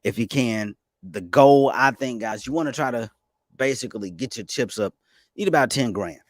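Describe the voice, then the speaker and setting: A man giving casual, fast-talking commentary on stocks and crypto, excitable and stumbling over restarts. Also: mid-range voice, no room sound, studio quality. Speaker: finance YouTuber.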